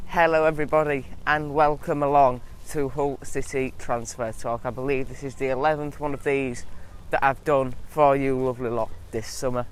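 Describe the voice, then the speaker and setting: A man's voice: a little high, clean tone. A young man hosting a casual football vlog, talking with a lisp and slightly slurred speech from wearing a retainer. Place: outdoors. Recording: outdoor noise, vehicles, passing grass cutter. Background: traffic-like outdoor noise, grass cutter.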